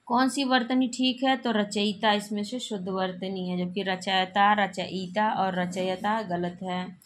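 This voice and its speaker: A woman's voice: medium pitch, steady tone, unhurried, slight background noise. A woman teacher works through exam-prep spelling questions in Hindi. She reads each question and then explains which form is correct. She repeats the correct forms plainly.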